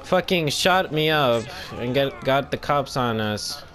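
A man's voice: mid-range voice, lively intonation, unhurried, fairly bright tone. A young man talking like a hyped gamer bro, cursing as he chats with friends during an online game. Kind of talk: casual gaming chat. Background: video game sounds and music.

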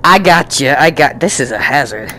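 A man's voice: mid-range voice, animated, moderate pace, background noise. A young man giving jokey let's-play commentary, exclaiming and talking back to the game's characters. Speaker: gaming YouTuber.

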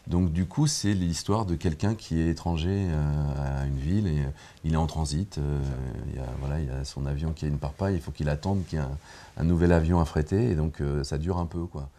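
A man's voice: a bass voice, brisk, warm tone. A middle-aged man, a film director, talking reflectively in a TV studio interview, full of hesitations and restarts. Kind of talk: relaxed interview conversation. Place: TV studio set with armchairs. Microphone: lapel mic.

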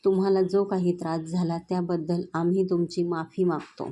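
A woman reads an earnest brother apologizing for his family in a storybook reading. Her voice is low and mellow. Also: little pitch movement, normal speed, natural voice. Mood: apologetic.

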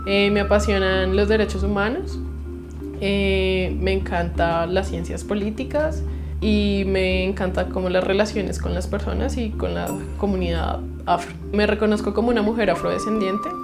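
A young woman, a law student speaking reflectively in a documentary interview, pausing often with "eh". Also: medium pitch, steady tone, over music. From Bogotá, Colombia. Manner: reflective, with frequent "eh" pauses.

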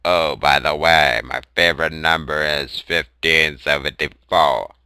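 Gloating lab villain over the intercom, deep and clear, a man putting it on. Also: steady tone, measured pace, pushed and bright, no room sound, studio quality, heavily acted. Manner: taunting villain laugh. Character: gloating male mad scientist on an intercom.

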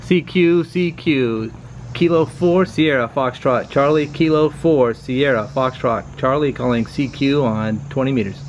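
A man on a screened-in porch calls CQ on ham radio. He draws out his call sign slowly and deliberately in a mid-range voice. Steady outdoor noise runs behind him. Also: mid-range voice. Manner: slow, drawn-out call signs. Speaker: amateur radio operator.

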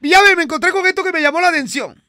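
A man doing a shrill, preachy moralizer. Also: rapid-fire, bright, forceful tone.

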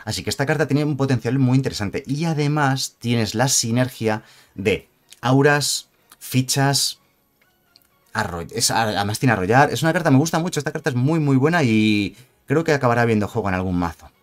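A man giving a rambling, animated casual card analysis, often correcting himself. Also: medium pitch, normal speed. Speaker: card game reviewer. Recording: faint background music.

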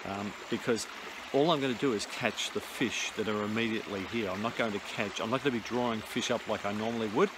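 A middle-aged Australian man talks through his fishing in a fairly low voice, loose and unhurried, with plenty of fillers and restarts. He is recorded outdoors on a phone held at arm's length. A trickling creek runs clearly behind him. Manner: relaxed, rambling with restarts and fillers. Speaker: fishing vlogger. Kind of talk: casual outdoor explanation. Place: outdoors by a shallow suburban creek. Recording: outdoor phone audio with stream noise. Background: trickling stream.

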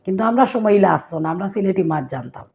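A woman's voice: medium pitch, animated, fast talker, a little mellow. A woman from Sylhet with a Sylheti accent, talking casually to her vlog viewers and often asking them questions. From Sylhet, Bangladesh. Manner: chatty, asks the viewer questions. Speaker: vlogger. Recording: slightly dull lo-fi sound.

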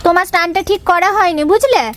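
Very high-voiced doting Bengali mom vlogger. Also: female voice, fast talker, fairly bright tone, faint music behind. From West Bengal, India. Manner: chatty, doting baby talk to a toddler. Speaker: vlogger, mother. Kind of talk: casual vlog narration. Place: outdoor home courtyard. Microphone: wireless lapel mic.

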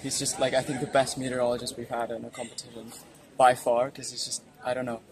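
A man in his twenties from the Czech Republic, a balloon pilot, answering interview questions outdoors in a relaxed, chatty way. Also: mid-range voice, fast talker. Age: 20s. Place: outdoors by a car park.

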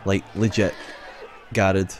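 A man giving sweary let's play commentary, reacting loudly to the game. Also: low voice, flat delivery, measured pace. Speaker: gaming YouTuber. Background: game music.

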